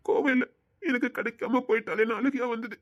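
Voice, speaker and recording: A man with a Tirunelveli Tamil accent playing an older man on duty, a gruff yet tender lover who stammers. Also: extremely high pitch, fairly even intonation, brisk, lo-fi sound. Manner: stammers, turns from cold to tender. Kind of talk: romantic short-drama acting.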